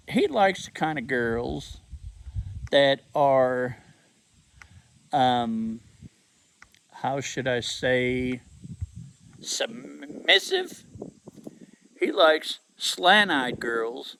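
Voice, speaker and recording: Man, slightly high and raspy-gravelly, lively swinging pitch, unhurried profane storytelling rant. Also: a little hiss or hum, rough recording. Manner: profane, rambling, drawn-out delivery. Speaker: vlogger.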